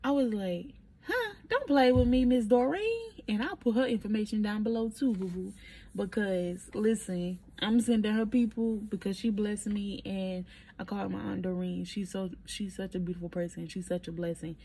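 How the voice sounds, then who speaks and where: A young woman telling stories in a casual diary-style vlog, animated and emphatic, recorded on a phone. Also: medium pitch, normal speed, breathy edge. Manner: animated storytelling, emphatic and encouraging. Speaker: vlogger.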